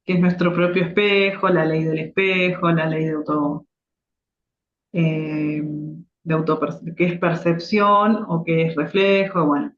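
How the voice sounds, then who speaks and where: A middle-aged woman with a Rioplatense Spanish accent, a reflexology therapist calmly explaining her ideas as a podcast guest. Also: on the low side, a little slow, a little hiss or hum. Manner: reflective, explanatory, with frequent restarts. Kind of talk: conversational interview. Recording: echoey, dull lo-fi remote audio.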